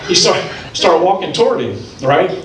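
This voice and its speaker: A man from Ohio doing a stand-up comedy set, telling stories with punchlines in an animated way. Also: sits high, normal speed, roomy sound, far from the mic, low-quality recording. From Ohio, United States. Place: comedy club stage.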